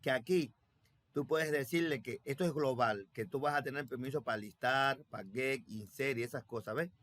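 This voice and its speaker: A man's voice: mid-range voice, normal speed, fairly bright tone, no echo. A man teaching a programming tutorial step by step over his screen, repeating himself and thinking aloud with many fillers. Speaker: software instructor.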